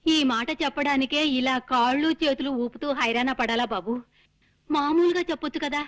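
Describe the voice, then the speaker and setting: A woman's voice: sits high, fairly quick, lightly acted. An actress playing a sickly, hard-of-hearing old mother who complains fretfully in a film drama. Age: older.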